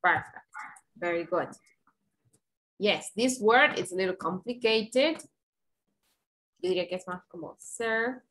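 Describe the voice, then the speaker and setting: Argentine woman english teacher on a video call, slow and careful, encouraging, repeats words so students get them. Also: on the low side, animated, a bit bright, low-quality recording. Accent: Argentine Spanish. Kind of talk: online class, pronunciation coaching.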